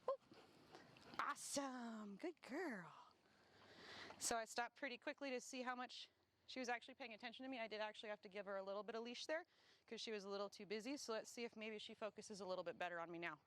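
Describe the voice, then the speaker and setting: A woman dog trainer talking casually as she walks outdoors, explaining each step and breaking off to give quick praise and corrections. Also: mid-range voice, a bit bright, slight background noise. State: slightly winded from walking. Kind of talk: casual instructional talk while walking a dog. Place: outdoors on grass.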